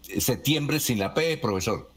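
A man's voice: mid-range voice, expressive, measured pace, fairly bright tone, slightly rough. A man hosting a radio show, reading out listeners' questions to a guest expert, with hesitant fillers. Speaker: radio host.

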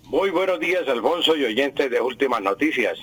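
A man's voice: medium pitch, lively intonation, normal speed, fairly bright tone, husky, low-quality recording. An older man answers listeners' language questions on the radio, teaching patiently and repeating the key words. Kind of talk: radio call-in explanation.

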